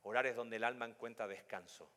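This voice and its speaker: Pastor, man, sermon, bright sharp voice, direct questions, long hall echo. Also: fairly even intonation, fairly quick. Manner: swings from soft, low reflection to loud, high-pitched emphasis; addresses listeners directly with questions.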